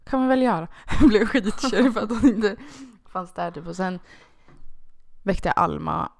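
A woman's voice: mid-range voice, gravelly, dry recording. A young woman co-hosting a podcast, telling a story in a casual way and acting out what people said. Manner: animated, acts out quoted dialogue with "jag bara". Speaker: podcast co-host.

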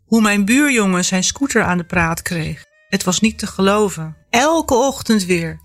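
A woman author reading from her own novel, then talking about the memories behind it in a lively, storytelling way. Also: mid-range voice, unhurried. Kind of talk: novel reading and personal reflection.

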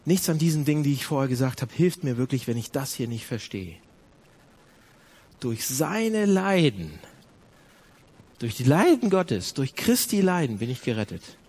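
A male preacher delivering a sermon in a husky, slightly rough voice. His pitch rises and falls in wide swings as he alternates loud urging with low, intense passages. He drives his points home by repeating phrases. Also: very animated, moderate pace, long pauses.

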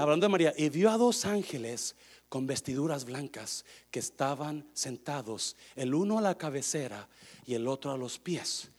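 A man preaching a sermon, switching between Spanish and English, acting out the scripture voices and building up to loud shouting. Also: medium pitch, husky. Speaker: pastor.

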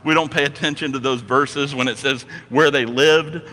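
Bright-voiced man preaching in a reverberant hall. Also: medium pitch, steady tone, normal speed. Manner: emphatic storytelling with repeated phrases. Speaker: pastor. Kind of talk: sermon.

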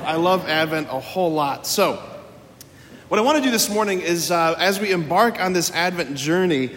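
Higher-voiced man preaching in a reverberant church. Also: a bit bright. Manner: informal, repeats phrases, checks in with 'right?'. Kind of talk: conversational sermon. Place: large church.

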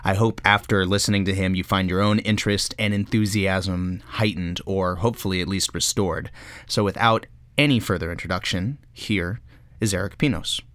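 A man hosting a podcast, reading a polished intro and then chatting with his guest in a friendly, measured way. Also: low-pitched, fairly even intonation, a bit bright. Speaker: podcast host. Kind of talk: scripted intro, then interview chat.

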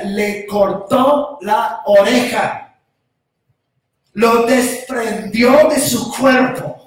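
A male preacher giving a sermon, moving between quiet musing and loud shouting. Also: high-pitched. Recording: roomy echo from far off.

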